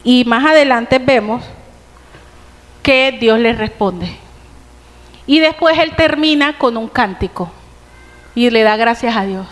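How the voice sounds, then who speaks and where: Colombian woman preacher, high voice, earnest sermon full of questions, reverberant church hall. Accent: Colombian Spanish. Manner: earnest, rhetorical questions, slows for emphasis.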